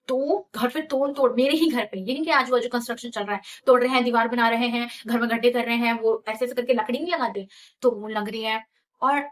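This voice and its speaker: A young woman in her twenties casually telling her own story, chatty and animated, slipping English phrases into her talk. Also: a little high. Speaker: vlogger.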